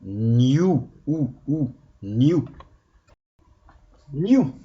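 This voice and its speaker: Slow, lively-voiced male teacher. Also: medium pitch. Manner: slow, deliberate, over-articulated syllables. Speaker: primary school teacher. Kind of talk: video reading lesson for children. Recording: dull lo-fi sound.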